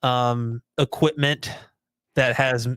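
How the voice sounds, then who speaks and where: Man, young adult, podcast co-host, casual live-stream chat, rambling, smooth voice, mid pitch. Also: steady tone, takes it slowly, a bit bright, no echo. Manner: rambling, easygoing and self-deprecating.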